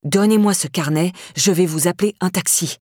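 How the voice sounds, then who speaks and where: A domineering, menacing man, as a woman reading a novel puts him on. The voice sits low and husky, and every line comes out brusque and threatening. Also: brisk, darkish tone, no echo, clean studio sound, lightly acted. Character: imposing, menacing middle-aged man, domineering.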